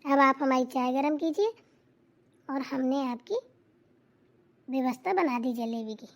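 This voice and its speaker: A woman's voice: sits high, pitched below the performer's own voice. Woman voicing a bossy, chatty cartoon sister-in-law. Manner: quick, bossy, advising. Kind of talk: cartoon voice acting.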